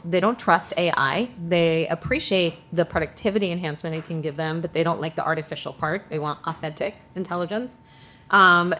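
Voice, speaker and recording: A woman's voice: lowish voice, a bit bright. A woman in her thirties, originally from Ukraine, speaking as a company CEO on a conference panel, upbeat, with joking asides and frequent ums.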